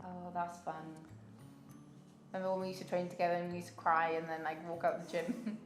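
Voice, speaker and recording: Lower-pitched woman of thirty, casual chat. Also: level tone, brisk. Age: 30s. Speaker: fitness coach. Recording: roomy, music behind.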